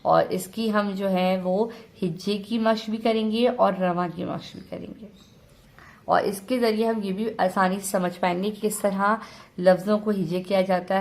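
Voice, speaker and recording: A woman teaching an online reading lesson. She sounds out syllables slowly and loudly, then explains quickly between drills. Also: medium pitch, steady tone, vocal fry.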